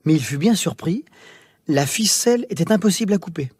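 A man narrating a children's storybook in a slow, expressive, theatrical way. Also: fairly high pitch, breathy edge, no room sound, clean studio sound. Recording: music playing behind.

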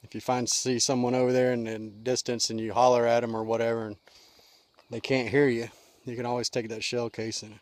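A man's voice: mid-range voice, level tone, a little fast, dry recording. A middle-aged man, casually vlogging by a creek in the woods, talking in a folksy, rambling way with lots of fillers. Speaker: outdoor survival vlogger. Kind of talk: casual outdoor vlog. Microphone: handheld camera at arm's length. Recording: outdoor camera mic, noisy.

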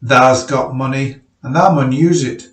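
A man's voice: mid-range voice, roomy sound, recorded from a distance, lightly acted. A man voicing a big, indolent miner husband who talks easily and unhurriedly. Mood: easygoing. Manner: easy, slow-witted, unhurried.

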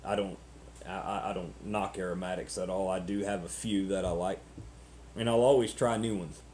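Low, mellow, halting man, noisy webcam audio. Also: steady tone. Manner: halting, ruminative, repeats words. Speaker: pipe-smoking vlogger. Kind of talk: casual unscripted chat to camera.

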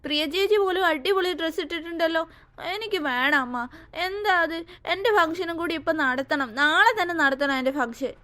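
A woman's voice: extremely high pitch, fairly quick, pushed and bright. A woman voicing a jealous, stubborn little girl in a cartoon who pleads and demands. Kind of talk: cartoon voice acting.

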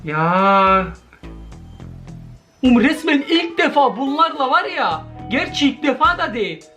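A man making a horror video, reacting out loud to a video call and talking to his viewers in a jumpy, excitable way. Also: very high-pitched, unhurried, muffled recording, soft background music. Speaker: horror YouTuber.

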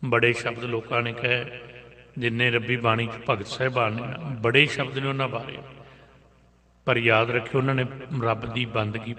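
A man's voice: medium pitch, sharp tone, big-room sound. A man giving an earnest religious sermon. He repeats his points and asks rhetorical questions. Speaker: Sikh preacher. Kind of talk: religious discourse.

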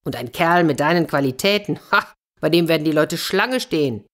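A woman's voice: low voice, animated, moderate pace. A woman voicing a boastful, cheerful male scissor grinder in a children's fairy tale reading, jovial and coaxing.

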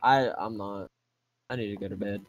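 A man's voice: fairly low pitch, steady tone, normal speed, no room sound. A man playing a party game with friends, correcting them dryly and sounding tired. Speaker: game player. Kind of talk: casual banter while playing a party game.

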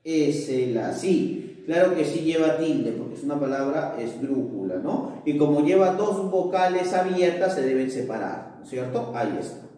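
A man's voice: fairly high pitch, lively intonation, moderate pace, warm tone, distant mic. A male teacher explaining a grammar lesson patiently, often checking with his students by asking if they follow. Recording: echoey room, voice from off-mic.

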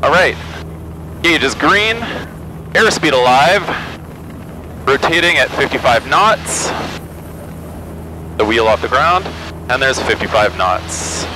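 A man flying solo as a student pilot, speaking through his cockpit headset and calmly coaching himself through checklist callouts. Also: mid-range voice, slow, pauses often. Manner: calm self-coaching callouts, terse. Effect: pilot headset intercom in cockpit. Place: small plane cockpit in flight. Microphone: aviation headset boom mic. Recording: engine and wind noise in cockpit.

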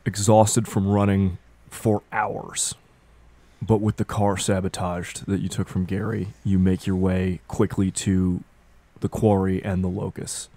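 Low, mellow male game master. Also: flat delivery, measured pace, dry recording. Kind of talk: narrating a tabletop role-playing game.

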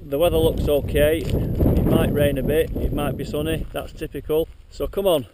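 Male cyclist vlogger, high-pitched, chatty and upbeat, handheld action cam outdoors with wind noise. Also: level tone, normal speed. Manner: chatty, upbeat, pointing out places along the way. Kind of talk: casual running commentary while riding. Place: outdoors on open coastal roads. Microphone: handheld action camera.

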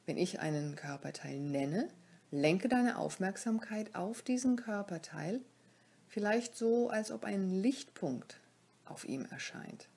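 Leading a guided meditation as a yoga nidra teacher, this woman keeps her mid-range voice soft and breathy, frequently close to a whisper. Her delivery is calm and soothing, in brief phrases with pauses between them.

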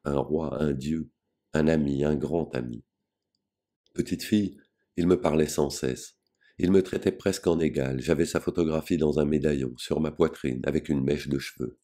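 A man reading aloud the lines of a bitter, defiant young woman, in his own quiet, plain voice. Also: a bass voice, steady tone, moderate pace.

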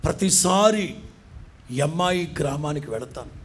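A man's voice: fairly high pitch, expressive, unhurried, a little hiss or hum. An Indian man preaching as a pastor, who acts out the voices of the people in the story. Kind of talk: sermon. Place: church.

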